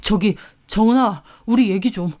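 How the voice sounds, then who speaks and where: A woman's voice: medium pitch, moderate pace, warm tone, natural voice. A woman voicing a cheating young man who stammers and hedges in a narrated story. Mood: sheepish. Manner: hesitant, mumbling, evasive.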